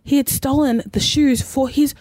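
A woman co-hosting a radio show, telling a story in an animated, gossipy way with bursts of emphasis. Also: sits high, moderate pace, dry recording. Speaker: radio co-host. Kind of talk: casual chat, storytelling. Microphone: studio mic.

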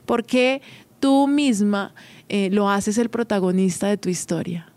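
A woman's voice: medium pitch, measured pace, a little mellow, no echo. A woman hosting an advice podcast, talking conversationally and directly to the listener with frequent tag questions. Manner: encouraging, addresses listener directly. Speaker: podcast host.

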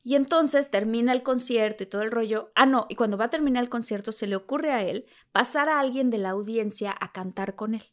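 Animated Mexican woman telling a story. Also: fairly high pitch, brisk, hardly any pauses. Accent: Mexican Spanish. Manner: animated, acts out the scenes. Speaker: guest. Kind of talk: storytelling anecdote.

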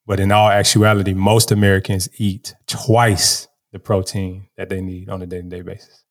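A man co-hosting a podcast, talking in a casual, energetic and brash way and cracking jokes. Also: low-pitched, moderate pace. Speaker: podcast co-host.

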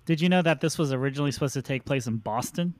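A man hosting a podcast, telling a relaxed anecdote in casual chat and laughing along. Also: medium pitch, racing, no echo. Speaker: podcast host.

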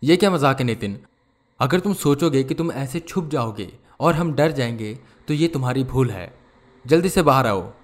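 Casting: a man as an irritated young hothead in a horror audio story, loud and dismissive. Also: mid-range voice, expressive, moderate pace, lightly acted. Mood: irritated shouting. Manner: shouting, irritated.

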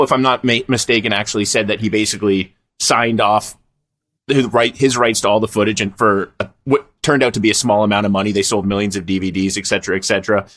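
A man's voice: fairly low pitch, fairly bright tone. A man co-hosting a podcast in casual banter, rambling and swearing, a bit self-deprecating. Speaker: podcast co-host.

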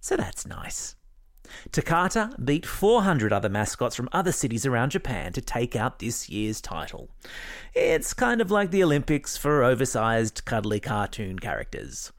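A man's voice: mid-range voice, very animated, normal speed, dry recording, clean studio sound. An Australian man hosting a kids' news podcast, reading scripted stories in an upbeat, playful way with jokey asides.

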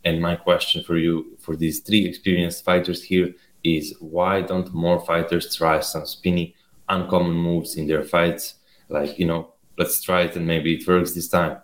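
A man from Serbia sending a listener question to a podcast, speaking quietly and plainly in a faint home-recorded clip. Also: low voice, level tone, unhurried.

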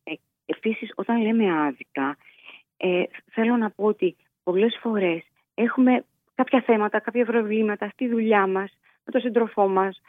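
A woman psychologist giving measured advice as a podcast guest, pausing and restarting often, heard over a phone line. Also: medium pitch, dry recording. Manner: measured, explanatory, with frequent hesitations.

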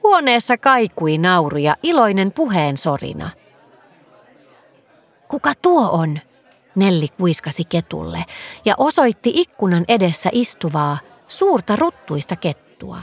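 A woman narrating a children's story in a gentle, expressive reading voice. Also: lowish voice, no room sound.

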